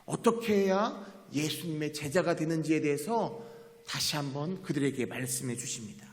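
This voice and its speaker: A male pastor preaching an earnest sermon in a church, asking the congregation questions as he explains scripture. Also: high-pitched. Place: church sanctuary. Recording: long reverb of a church hall.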